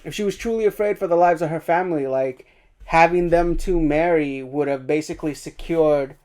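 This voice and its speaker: Podcast guy, kinda high voice, retells the plot all animated and does the characters' lines. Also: moderate pace. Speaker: podcast co-host. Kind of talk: casual review chat.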